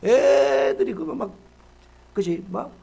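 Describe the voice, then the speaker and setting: A man's voice: slow pace, creaky, breathy edge. A middle-aged male pastor telling a story in a sermon, acting out the people in it with sudden shifts in voice. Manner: acts out quoted characters with lively swings in pitch and loudness.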